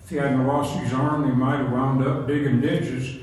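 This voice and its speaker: A man's voice: mid-range voice, flat delivery, normal speed, a little mellow. An older man telling folksy, chuckling stories from his younger days to a group. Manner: folksy, chuckling through anecdotes. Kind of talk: casual storytelling to a group. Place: large echoey room with a group. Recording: very echoey room, mic from a distance, faint noise.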